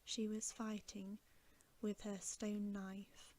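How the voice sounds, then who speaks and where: A woman whispers a bedtime story as ASMR, soft and breathy, her narration gentle, hushed and measured. Her pitch is medium and barely moves.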